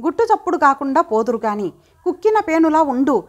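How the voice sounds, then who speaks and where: A woman's voice: sits high, big pitch swings, a little fast, muffled recording. A woman reading a sneering male thug. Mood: menacing. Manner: sneering, threatening. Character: menacing male thug, crude and threatening.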